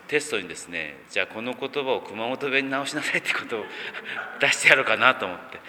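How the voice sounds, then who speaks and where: A male pastor gives a sermon, first reading scripture in a measured way and then musing informally with frequent fillers. His voice is very bright and forward. A long reverb trails after each phrase. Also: mid-range voice.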